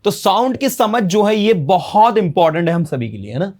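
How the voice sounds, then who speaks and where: A man's voice: high voice, big pitch swings, normal speed, darkish tone. A man with a Hindi accent teaching an English grammar lesson, mixing Hindi with English terms and asking rhetorical questions. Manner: explains in Hindi mixed with English terms, asks rhetorical questions and answers them. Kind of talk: classroom-style grammar lesson.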